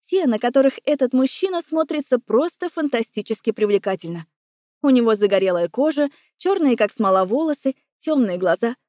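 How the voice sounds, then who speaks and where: A woman narrating a first-person audiobook with expressive, emotional storytelling. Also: a little high, fairly quick, no room sound, clean studio sound.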